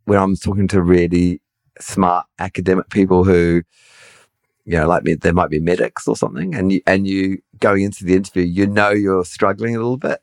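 A middle-aged man hosts a podcast in casual conversation, his somewhat nasal voice sitting low with a darkish tone and little pitch movement. He talks fairly quickly, hesitant and self-deprecating, restarting often. The sound is dry and clean, studio quality.

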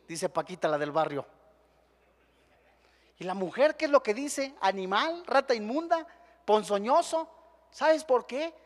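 A man's voice: high voice, in a large hall. A man with a Mexican Spanish accent preaching a sermon, emphatic and full of rhetorical questions.

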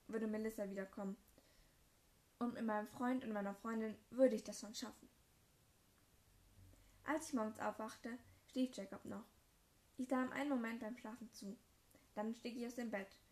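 A woman reads a first-person fan fiction story aloud in a plain, even manner. Her voice sits a little high for a woman, and the delivery stays steady.

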